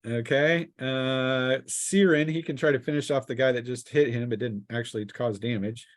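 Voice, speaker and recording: Running a tabletop role-playing session, this game master narrates and referees in a hesitant, filler-laden way. His voice is of medium pitch.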